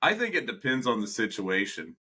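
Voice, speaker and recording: A young man co-hosting a podcast, telling animated stories in casual chat, laughing often and acting out what people said. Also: fairly low pitch, a little fast. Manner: animated storyteller, laughs often, acts out quotes. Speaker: podcast co-host.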